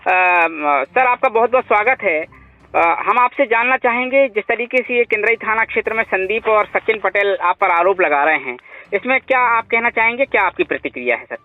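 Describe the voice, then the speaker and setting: A woman news anchor reading a scripted report in a formal, measured way, then putting questions to a caller. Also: mid-range voice, expressive, dry recording, narrow, tinny audio. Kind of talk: scripted news narration and phone interview. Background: faint music.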